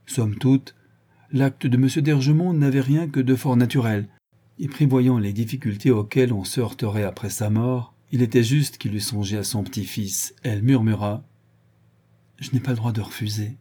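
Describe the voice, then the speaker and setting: A man narrating an audiobook of a classic novel in a measured, even storytelling manner. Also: medium pitch, husky.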